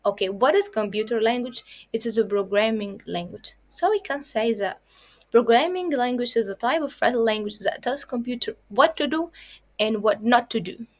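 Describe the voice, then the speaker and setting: A woman whose first language is Arabic gives children a lesson in coding basics at a normal speed. Her voice is slightly high, and she walks through each point step by step, repeating it and using lots of fillers.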